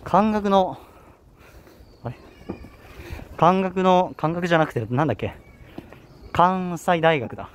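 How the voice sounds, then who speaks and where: A man's voice: sits high, slow, pauses often, slight background noise. A young man with a Kanto accent talking casually while walking a hilly campus outdoors, slightly out of breath and often correcting himself. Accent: Kanto Japanese. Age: young adult. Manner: rambling, self-correcting, chatty. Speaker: vlogger. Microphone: handheld camera.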